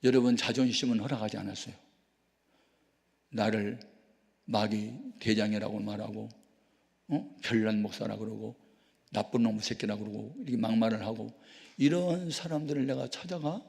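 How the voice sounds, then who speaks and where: A male pastor preaching a sermon as a folksy, animated story, acting out sound effects. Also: lowish voice, moderate pace, creaky, pauses often. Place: prayer retreat worship hall. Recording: long reverb of a worship hall.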